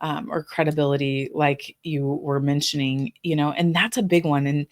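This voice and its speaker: A woman's voice: deep voice, steady tone, normal speed. A woman co-hosting a business podcast, talking casually with frequent "you know" fillers. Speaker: podcast co-host.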